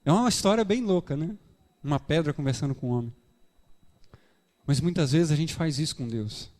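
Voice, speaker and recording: A man preaching a sermon with a Brazilian Portuguese accent, animated, acting out dialogues in shifting voices. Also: on the high side, fairly quick. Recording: reverberant church hall.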